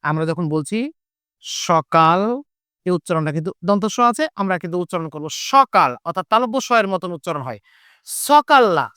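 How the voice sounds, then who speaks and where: With a high, fairly bright and clean voice, this man teaches an online lesson in Bengali with a Chapainawabganj accent, as he's from Chapainawabganj, Bangladesh. He goes over key points repeatedly and asks questions only to answer them himself. The recording is studio quality without echo.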